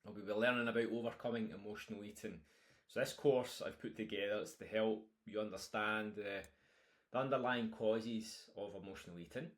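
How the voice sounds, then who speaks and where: A man with a strong Scottish accent and a fairly low voice talks like a coach introducing a course. His delivery is informal and encouraging, speaking straight to his listeners. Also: a bit bright. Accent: broad Scottish. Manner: encouraging, addresses listeners directly as guys. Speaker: health and nutrition coach presenting a course. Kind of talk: informal course introduction, talking through topics.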